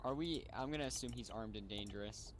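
A man's voice: fairly low pitch, quick pace, slight background noise. A man organizing a game mission in casual voice chat, giving orders and briefing his squad.

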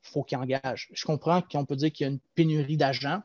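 A man's voice: fairly high pitch, brisk, a little hiss or hum. A young man with a Québécois French accent, explaining things at length and with energy in a casual video-call interview. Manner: animated, explanatory, gestures while talking. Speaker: guest, former loss-prevention agent. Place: small room at home. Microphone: headset. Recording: dull lo-fi video call audio.

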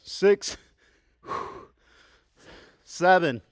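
A man's voice: high voice, animated, drawn-out words, clean tone, no echo, studio quality. Panting male fitness coach counting reps. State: out of breath. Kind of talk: workout instruction.

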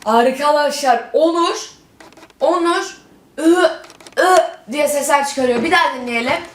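High-voiced dramatic woman vlogger. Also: measured pace. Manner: indignant, dramatic, reads messages aloud. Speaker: YouTuber. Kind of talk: dramatic gaming vlog. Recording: roomy echo.

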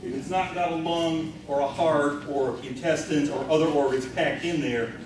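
A man speaks in a blunt, matter-of-fact way, somewhat high in pitch, lecturing to a room. The sound is very reverberant and distant, picked up by a camera far across a large hotel meeting room with steady background noise. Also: normal speed. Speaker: keynote speaker. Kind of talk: lecture with demonstration. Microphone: far camera, no visible mic.

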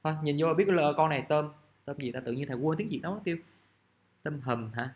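A man, teaching English grammar in a casual, chatty way and reading example sentences out slowly. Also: a little high. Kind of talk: casual classroom explanation. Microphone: recording device at his desk.

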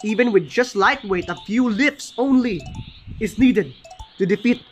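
Excited young-sounding gaming host. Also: male voice, sits high, measured pace, a little hiss or hum. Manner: excited, often corrects himself mid-sentence. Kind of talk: casual gameplay commentary.

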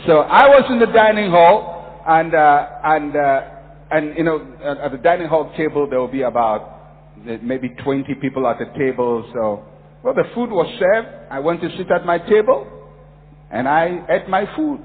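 A man from Ghana delivers an emphatic sermon, repeating key lines and telling stories from his own life. His voice sits fairly high for a man. The sound is thin and phone-like, with a long reverb trailing behind him. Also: lively intonation, normal speed. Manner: emphatic, repetitive, storytelling. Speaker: preacher. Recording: phone-like audio in a reverberant hall.

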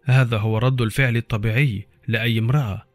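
A man's voice: medium pitch, steady tone, fast talker, no echo, faint music behind, close to an everyday voice. A man voicing an experienced, sceptical, impatient forensic doctor in an audiobook horror story. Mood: questioning, sceptical. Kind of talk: audiobook character acting.

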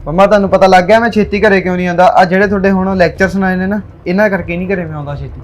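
Actor as a mouthy teenage son, fast and argumentative. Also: medium pitch, fairly even intonation, lightly acted. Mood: defiant. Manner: cheeky, argumentative. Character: defiant teenage son talking back.

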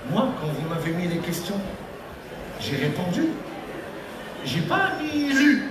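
Young male comic from Tunisia, high-pitched, animated; filmed from far back in an echoey hall with crowd noise. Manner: animated, acts out characters with pitch jumps. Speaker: stand-up comedian. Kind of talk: stand-up comedy. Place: large theater stage with live audience. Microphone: handheld mic, filmed from the audience.

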